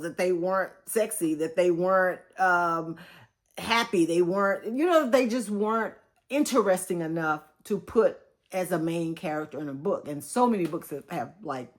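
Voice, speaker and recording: A Texan woman in her fifties talks through a book review in a relaxed, rambling way. Her voice sits a bit low for a woman, and she calls her viewers y'all. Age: 50s. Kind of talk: casual book-review vlog.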